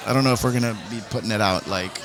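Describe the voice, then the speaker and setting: A man's voice: on the low side, racing. A man from Mexico, a band singer, speaking modestly and hesitantly with many fillers. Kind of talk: casual chat. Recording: bar with music and crowd.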